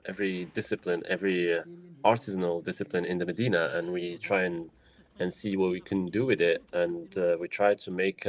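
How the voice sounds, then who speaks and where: A young man from Morocco, a woodworker, speaking thoughtfully in a documentary interview, with many pauses, fillers and restarts. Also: low-pitched. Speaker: woodworker and small business founder.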